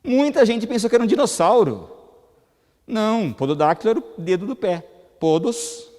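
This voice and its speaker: A Brazilian man with a Brazilian Portuguese accent gives a lecture to a gathered audience, keeping it conversational and asking them questions along the way. His voice sits a little high for a man. The long reverb of the hall carries behind him. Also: lively intonation, normal speed, a little mellow. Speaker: guest lecturer at a spiritist center. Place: hall of a spiritist center.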